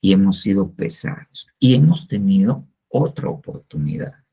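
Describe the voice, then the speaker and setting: An older man from Guatemala teaches a church discipleship class, heard but not seen, as informal sermon teaching. His voice is low, gravelly, mellow and breathy-edged, very animated at a moderate pace. He rambles and repeats himself, with many hesitant fillers.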